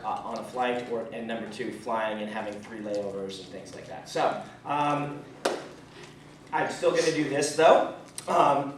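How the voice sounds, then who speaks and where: A man's voice: medium pitch, slight background noise. A man in his thirties giving a casual writing lecture at a fan convention, chatty with many ums and restarts, his speech a little muffled by a throat lozenge. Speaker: writing teacher. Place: convention room, in front of an audience. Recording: echoey hall, far from the mic.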